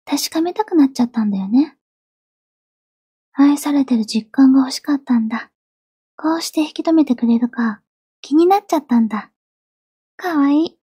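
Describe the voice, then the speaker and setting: A woman playing a possessive yandere girlfriend in a soft, breathy ASMR role-play, obsessively loving, clingy and sweetly menacing. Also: sits high, dry recording, studio quality. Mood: cooing, menacing. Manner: yandere: obsessively loving, soft, pleading turning coldly threatening.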